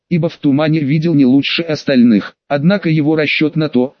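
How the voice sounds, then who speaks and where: A man narrates an audiobook in a steady, even storytelling read, with a voice that sits a touch higher than most men's. The recording is dull and lo-fi, close and dry with no echo.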